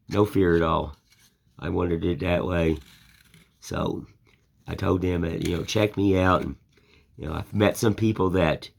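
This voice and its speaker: With a low, gravelly voice, an older man from the United States chats casually and rambles while presenting his woodcarving on his channel. His way of talking is folksy and plainspoken.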